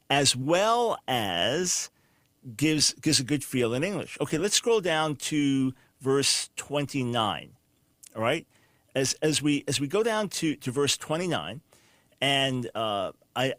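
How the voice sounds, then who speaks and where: A man's voice: a little high, a bit bright, no echo. An older man hosting a call-in talk show, explaining Bible translation in an emphatic, teaching way and often repeating a word as he restarts a phrase.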